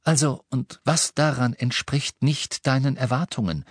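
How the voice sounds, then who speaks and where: A man's voice: mid-range voice, a little slow, dry recording, pitched above the performer's own voice. Young man, controlled anger, near the reader's own voice, read by a man. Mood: tense. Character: young man, calm turning angry.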